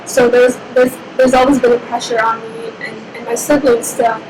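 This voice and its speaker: Give me a reflective young woman from Egypt being interviewed, her voice high and flat, over clear background noise. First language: Somali. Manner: reflective, unhurried storytelling. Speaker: interviewee, university student. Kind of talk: personal interview. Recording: echoey room with steady background noise.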